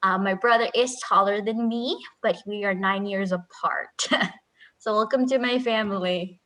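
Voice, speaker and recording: A woman's voice: mid-range voice, a little slow, fairly bright tone, low-quality recording. A woman in her twenties, from Peru, giving an upbeat, chatty recruiting presentation over a video call. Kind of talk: friendly presentation.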